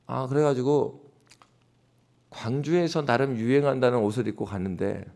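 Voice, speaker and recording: A male pastor preaching an animated early-morning sermon in a church, addressing the congregation directly. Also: mid-range voice, moderate pace. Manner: animated preaching, acts out scoffing voices. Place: church sanctuary.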